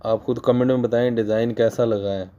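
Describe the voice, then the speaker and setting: Sitting at his sewing machine, a man with a Pakistani Urdu accent, hoarse from a cold, patiently leads viewers step by step and repeats important points in a casual voice-over tutorial. His mellow, dark, mid-range voice keeps a fairly even intonation and runs a little fast, with lots of throat-clearing. The recording comes across as dull and lo-fi.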